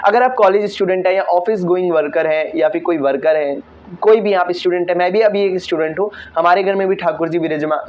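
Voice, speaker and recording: A man's voice: sits high, muffled recording. A teenage boy answering viewer questions in a casual, earnest way, often checking in with "okay". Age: teens. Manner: earnest, repeats "theek hai" often. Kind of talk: casual Q&A talk.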